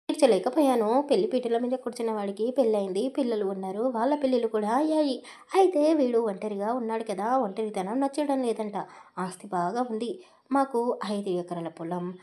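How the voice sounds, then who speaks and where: A woman's voice: on the high side, dark tone, natural voice. Woman doing a trembling, pleading old father. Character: frightened indebted older father of the bride.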